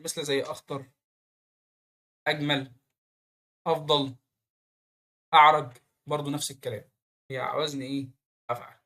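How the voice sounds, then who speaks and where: A man with an Egyptian accent teaching Arabic grammar, quizzing the viewer with quick rhetorical questions. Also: on the high side, bright, forceful tone. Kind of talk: online grammar lesson.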